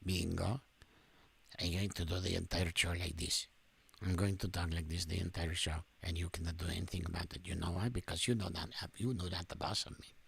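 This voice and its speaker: A man putting on a gruff, deep-voiced bossy character and teasing defiantly. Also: little pitch movement, brisk, heavily acted. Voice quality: gravelly.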